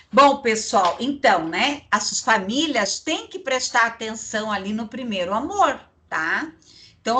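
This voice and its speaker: A woman lecturer talks her students through a psychology class at an unhurried pace. Her voice is bright and forward, and she drifts into chatty asides. She keeps tagging her sentences with quick checks to the class. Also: medium pitch. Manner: chatty, digressive, tag questions.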